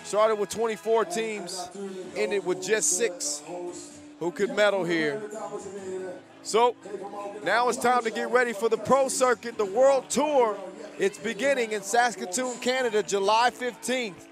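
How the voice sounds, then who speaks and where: High-pitched male sports host. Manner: informal hype, drawn-out phrases. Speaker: event commentator and host. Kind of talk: live sports commentary and sign-off. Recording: music and crowd behind live mic. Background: music and crowd.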